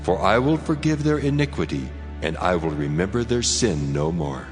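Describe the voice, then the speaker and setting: Scripture drama casting: solemn, fatherly God, very low voice, cavernous echo, music beneath. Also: very animated. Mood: solemn, resolute. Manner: measured, solemn, declamatory. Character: God, a solemn, fatherly, commanding male deity. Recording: long cavernous reverb, music underneath.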